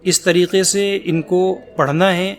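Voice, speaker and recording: A man teaching Quran letter pronunciation, drawing out each letter slowly and explaining patiently between them. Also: sits high, fairly even intonation. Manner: slow, drawn-out letter recitation.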